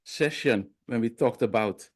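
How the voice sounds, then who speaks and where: A man speaking in an online seminar discussion, halting with many fillers and restarts, heard over a video call. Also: medium pitch. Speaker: discussion participant.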